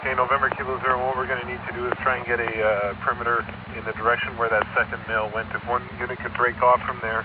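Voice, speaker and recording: A man's voice: medium pitch, level tone, very fast, few pauses. A man, a police officer coordinating units, speaks in terse updates over a two-way radio. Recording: tinny, very noisy police radio.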